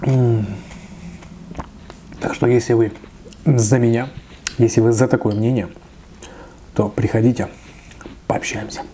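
A man's voice: mid-range voice, steady tone, unhurried, long pauses, mellow, slight background noise. A man in his thirties doing a casual mukbang, chatting between bites with his mouth full. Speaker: mukbang eating-show host. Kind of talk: casual mukbang chat while eating. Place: small indoor room, seated at a table.

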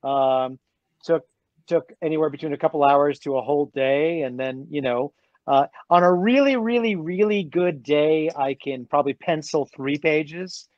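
Male author, conversational, halting delivery; higher pitch, dry muffled sound. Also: a little mellow, no echo. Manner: chatty, halting with many restarts and laughs. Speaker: graphic novel author. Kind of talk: casual conversation.

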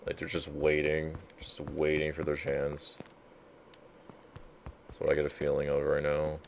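A man's voice: a bass voice, completely flat delivery, a little slow, slight background noise. A man streaming a game live, chatting to a viewer in a nervous, profane, casual way. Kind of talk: casual live gameplay commentary.

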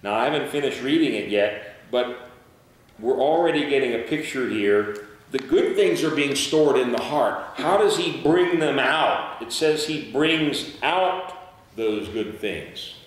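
A male pastor preaching a sermon, reading scripture slowly and asking the congregation to call out words. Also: mid-range voice, lively intonation. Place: church sanctuary. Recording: very echoey church hall, mic far off.

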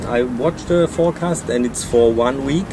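Older sailor, halting. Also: male voice, medium pitch, background noise. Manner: halting, simple phrasing. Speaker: interviewed sailor. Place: on deck of a boat, outdoors.

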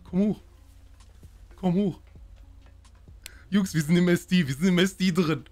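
A man in his thirties role-playing in a video game, urgent and excitable, often repeating his words. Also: high voice, a little slow. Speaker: streamer playing a crime role-play game. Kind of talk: improvised in-game role-play. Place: indoor streaming room. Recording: faint game noise.

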